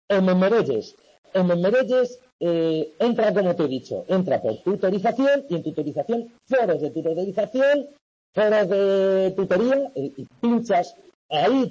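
A man's voice: sits high, warm tone, breathy edge, muffled recording. A man from tutoring an online university class, explaining coursework patiently and checking often that students follow. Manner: patient, repetitive, frequent "¿vale?" checks.

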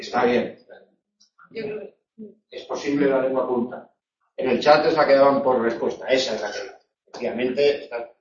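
This Spanish language teacher has a mid-range, steady voice, talks at a normal speed and pauses frequently. Teaching a live online grammar lesson, he adds jokey asides and checks in with "eh?" and "no?". Room sound is dull, echoey and distant.

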